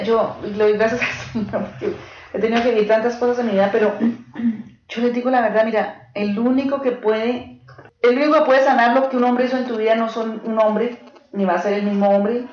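In an echoey room with a small live group, an earnest woman teaches in a somewhat high, darkish voice that holds a steady tone and runs a little fast. She is direct, tells stories from pastoral cases, and keeps checking in with her audience. The audio is dull and lo-fi with a faint hiss.

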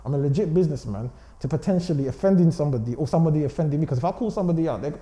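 Man, London roadman accent, very mellow dark tone, quick street-slang talk, emphatic and defensive, roomy echo. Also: fairly high pitch, expressive. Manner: defensive, emphatic, repeats check phrases like "do you know what I'm saying". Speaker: blogger interview guest.

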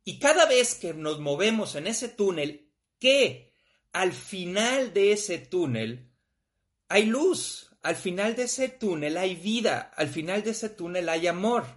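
A man's voice: high-pitched, takes it slowly. A man with a Mexican accent, talking bluntly and casually about grief, with frequent swearing. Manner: blunt, profane, animated. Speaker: podcast host.

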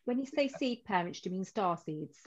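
A woman's voice: medium pitch, expressive, fairly quick. A woman hosting an interview and asking searching, curious questions in casual chat. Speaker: interview host. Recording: muffled lo-fi audio.

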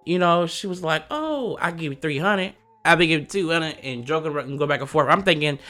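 A man hosting a podcast, telling a personal story in a casual, animated way, laughing often and acting out the voices he quotes. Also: on the high side, clean tone. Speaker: podcast host.

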